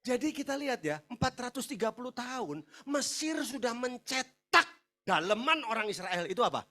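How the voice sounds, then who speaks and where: A man preaching a humorous sermon, animated and jokey, acting out voices and breaking into laughs. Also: very high voice, normal speed. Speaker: pastor.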